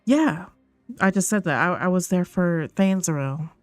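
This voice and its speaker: A coy, flirtatious woman under questioning, acted out by a woman game master, dodging with playful evasions. Her voice sits low and is captured close and dry, as in a tabletop game session. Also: a little slow, no room sound, soft background music, natural voice. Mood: coy, evasive.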